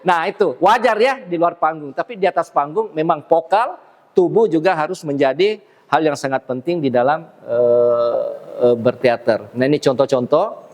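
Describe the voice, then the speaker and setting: Man, lively theater lecturer, slightly high voice, echoing hall. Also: normal speed. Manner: lively, acts out stage lines, laughs often. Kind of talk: classroom lecture. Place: lecture room. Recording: long hall reverb.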